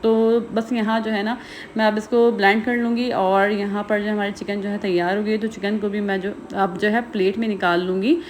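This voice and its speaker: A woman from Pakistan narrates a home recipe in a rapid, chatty manner, often using filler phrases. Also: medium pitch, flat delivery, slight background noise. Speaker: cooking vlogger.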